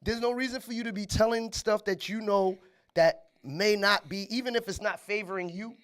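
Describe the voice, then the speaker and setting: A man from New York co-hosting a casual podcast, talking in an animated, argumentative way and laughing often. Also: high voice, moderate pace. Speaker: podcast co-host. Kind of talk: casual chat.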